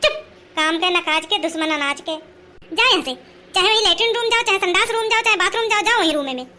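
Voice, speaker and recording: A woman's voice: very high voice, lively intonation, quick pace, sharp tone, slight background noise, exaggerated voice. An actress playing a nagging, scolding village mother-in-law who speaks an in a comedy skit.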